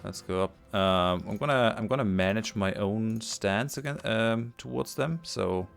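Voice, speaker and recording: In an unhurried, gravelly voice on the low side, a man plays a strategy game and offers casual let's play commentary over soft background music. He muses aloud hesitantly, stumbling through fillers and restarts, his voice tiring.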